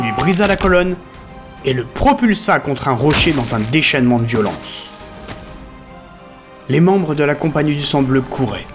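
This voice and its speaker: Guy narrating an audio story, super animated, soft music behind. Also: mid-range voice. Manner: dramatic storytelling, lively. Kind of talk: scripted narration.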